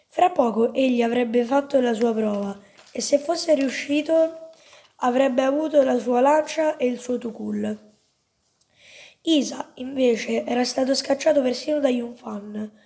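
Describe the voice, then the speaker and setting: A woman reading a story aloud in an even, measured way. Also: a little high, gravelly. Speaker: reader.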